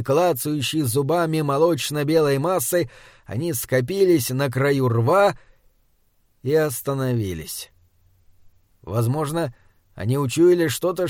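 A man narrating an audiobook in a measured, dramatic reading. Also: fairly high pitch, darkish tone, no room sound, clean studio sound.

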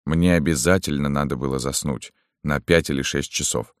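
A man narrating a first-person novel in a steady, even reading. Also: a bass voice, normal speed, smooth, no echo, clean studio sound. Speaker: audiobook narrator.

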